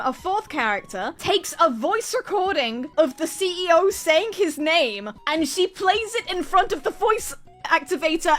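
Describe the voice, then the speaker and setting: A woman streamer chattering rapidly and nonstop, retelling a story in an animated, exasperated and dramatic way. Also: high-pitched. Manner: exasperated, incredulous, dramatic retelling with acted-out quotes. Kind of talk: animated rambling storytelling to an audience.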